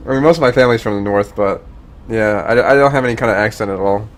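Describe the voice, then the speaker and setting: A man's voice: lowish voice, fast. A man from Northern Virginia chatting casually on a stream, rambling and swearing freely. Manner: rambling, profane, easygoing.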